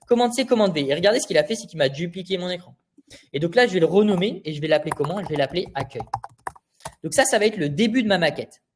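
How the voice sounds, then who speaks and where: Young male instructor, slightly high voice, chatty live-tutorial delivery full of rhetorical questions. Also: expressive, fast, noisy background. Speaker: design instructor. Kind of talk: live screen-share tutorial.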